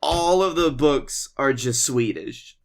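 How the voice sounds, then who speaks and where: With a medium pitch, slow pace, and audible vocal fry, this American man co-hosts a podcast. His comic stories ramble casually and conversationally, and he curses freely throughout.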